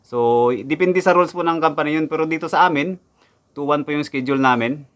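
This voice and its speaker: A man's voice: a little high, fairly quick, a bit bright. A young man from the Philippines, a factory worker abroad, vlogging casually about his wages indoors, talking to viewers in a chatty way and repeating his figures. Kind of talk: casual explainer vlog. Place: indoors in front of a backdrop.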